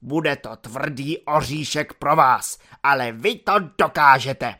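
A man's voice: medium pitch, natural voice. A man putting on a bellowing pompous army lieutenant. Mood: grandiose ranting. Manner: shouting speechifying, grandiose.

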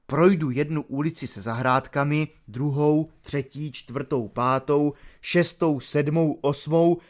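A man voicing an earnest, courteous simple soldier who explains himself at length in a calm, formal manner, in an audiobook reading. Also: fairly high pitch, close to an everyday voice.

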